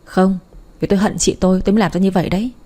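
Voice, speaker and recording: A woman's voice: mid-range voice, fairly even intonation, rapid-fire, dark tone, close to an everyday voice. A woman reading an audiobook, voicing a spiteful, hysterical young woman hurling bitter accusations.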